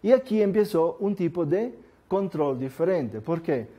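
A man's voice: fairly high pitch, measured pace, husky, dull audio. Man lecturing with rhetorical questions. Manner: lively, asks the audience rhetorical questions; acts out examples with small voices. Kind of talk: live lecture to an audience.

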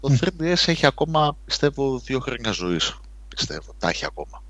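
A man's voice: medium pitch, big pitch swings, fairly bright tone, dry recording. A man on a podcast panel, thinking his points through and restarting sentences as he goes. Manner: thoughtful, analytical, restarts sentences. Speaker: podcast co-host. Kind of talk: casual panel discussion.

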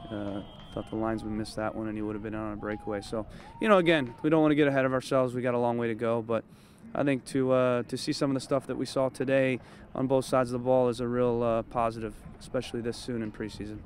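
A man in his thirties, a head coach, giving a measured postgame interview outdoors at night, with lots of "you know" and "um" as he thinks. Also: mid-range voice, level tone, slight background noise. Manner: thoughtful, measured, frequent fillers. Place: outdoors at a training field at night. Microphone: handheld interview mic held close.

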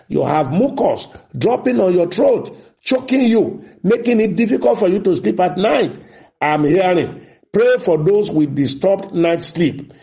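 Radio pastor with a high, dark voice. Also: male voice. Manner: declaring prayers in short commanding phrases; reads listener letters aloud and answers them. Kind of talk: prophetic prayer and counseling on radio. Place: radio studio.

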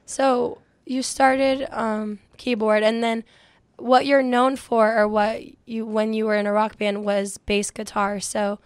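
A woman's voice: on the high side, flat delivery, slow pace, clear, resonant tone, no room sound. A young woman co-hosting a podcast, interviewing a guest with friendly, encouraging reactions in a small studio on a close mic. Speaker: podcast co-host. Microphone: studio mic on arm.

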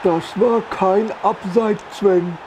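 Guy doing a bored deadpan buddy in a comedy stream, really high voice, drags his words. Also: a little hiss or hum, low-quality recording. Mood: dry, contrary. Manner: deadpan, slow, terse. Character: unimpressed, contrary male friend of a gamer.

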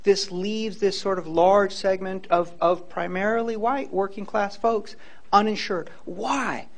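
A man's voice: high voice, fairly even intonation, unhurried. Earnest man lecturing in a hall. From Hawaii. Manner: earnest, emphatic, repeats words when starting a point. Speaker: law professor giving a public lecture. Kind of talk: public lecture and Q&A. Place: large lecture hall, indoors. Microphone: handheld microphone.

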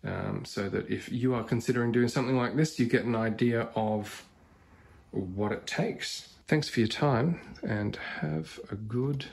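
A man in his thirties giving a casual walkthrough of his home kitchen streaming setup, talking in a relaxed, conversational way with frequent fillers. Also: medium pitch, measured pace, creaky. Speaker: cooking streamer.

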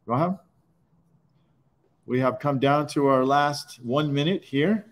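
A middle-aged man with a mid-range voice hosts a live webinar from an auto repair shop, speaking at a measured pace. He chats loosely in a casual live-stream style and keeps calling people "dude."

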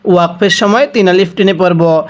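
A man teaching Quran reading word by word, slowly drawing out each recited word and having the listener repeat after him, between quicker explanations. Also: high-pitched. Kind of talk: spelling-based recitation lesson.

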